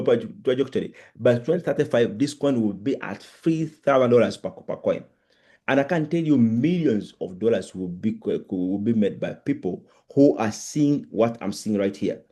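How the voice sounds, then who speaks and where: A man giving a live sales pitch as an emphatic crypto-bro promoter, often stammering and repeating words for emphasis. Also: mellow, slightly rough. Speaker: crypto promoter presenting on a live Zoom call. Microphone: online video call.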